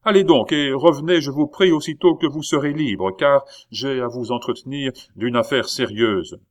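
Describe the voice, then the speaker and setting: A man's voice: mid-range voice, moderate pace, pitched above the performer's own voice, close to an everyday voice. A man reading an audiobook and voicing an irascible old aristocratic father who scolds and exclaims. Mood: scolding.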